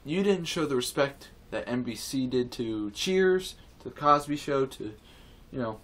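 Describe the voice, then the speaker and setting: A man with a mid-range, fairly bright voice rants to camera in a casual vlog, animated but keeping a measured pace. His earnest indignation spills into rambling, repetition, and lots of restarts.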